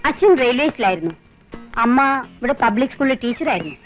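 An actress playing a housekeeper from Delhi, plainly answering an officer's questions. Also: female voice, on the high side, expressive, quick pace, faint music behind. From Delhi, India. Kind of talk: 1990s film dialogue. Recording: dull lo-fi film soundtrack.

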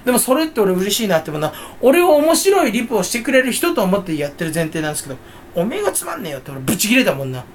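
A man's voice: sits high, very animated, racing, hardly any pauses. A man talking to himself in a casual, rambling solo monologue, joking and mocking himself. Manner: self-mocking, jokey, rambling. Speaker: channel host.

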